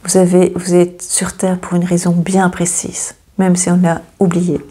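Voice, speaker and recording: A woman giving a casual, hesitant astrology reading, with many fillers and gentle reassurance. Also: on the low side, monotone, measured pace, husky. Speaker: astrology channel host.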